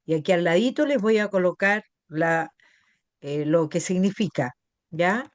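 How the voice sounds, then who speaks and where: Slow-talking Chilean woman teacher. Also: lowish voice, dry recording. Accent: Chilean Spanish. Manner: patient, checks understanding with tag questions. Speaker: English teacher. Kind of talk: classroom lesson explaining grammar.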